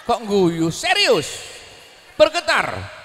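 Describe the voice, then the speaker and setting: Animated preacher in echoing hall. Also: male voice, sits high, drawn-out words, over music. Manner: dramatic storytelling, acts out voices, jokes with audience. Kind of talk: sermon with Arabic devotional singing.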